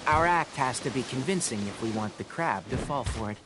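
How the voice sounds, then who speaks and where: An actor playing an aloof, analytical young forest ranger in a video game, speaking in a measured, precise, formal way. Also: male voice, mid-range voice, expressive, noisy background, natural voice. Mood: businesslike, cool. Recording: game music behind.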